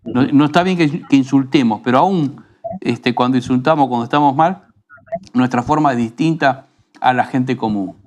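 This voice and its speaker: Argentine pastor teaching in an unhurried tone. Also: male voice, mid-range voice. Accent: Rioplatense Spanish. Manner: unhurried, teaching tone with frequent rhetorical tag questions. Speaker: pastor and radio program host. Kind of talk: conversational preaching.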